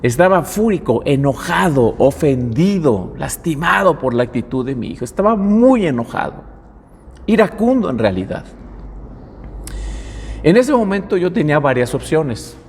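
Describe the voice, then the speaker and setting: A middle-aged man with a Mexican accent, preaching as a pastor and telling a personal story in an animated way. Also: a little high, moderate pace, a little hiss or hum. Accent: Mexican Spanish. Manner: animated storytelling, acts out quotes. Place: church hall. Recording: long hall reverb.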